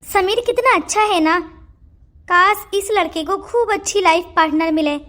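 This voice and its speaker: Fields: Figure: a woman voicing a shy village girl in a cartoon. Pitch: very high. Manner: polite, apologetic. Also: normal speed, a bit bright. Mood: humble.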